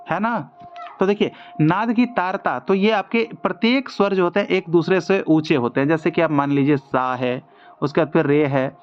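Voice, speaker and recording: High-voiced male music tutor, lo-fi. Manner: explains step by step with many rhetorical questions. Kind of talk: online MCQ lesson.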